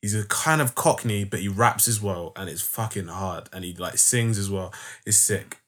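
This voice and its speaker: A man's voice: fairly low pitch, normal speed, fairly bright tone. A man with a London accent chatting casually in a slangy, sweary roadman manner. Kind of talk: casual chat.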